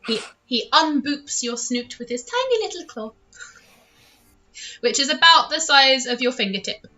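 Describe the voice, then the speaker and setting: A woman's voice: high voice, animated, unhurried, pushed and bright. A woman acting as game master, narrating a tabletop role-playing game in a casual, playful, informal way.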